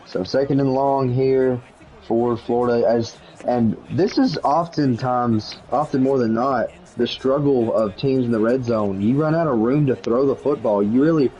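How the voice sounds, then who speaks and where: A man calling play-by-play for a video game league, quick and jokey, rising to shouts on big plays. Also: mid-range voice, lo-fi sound. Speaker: play-by-play commentator.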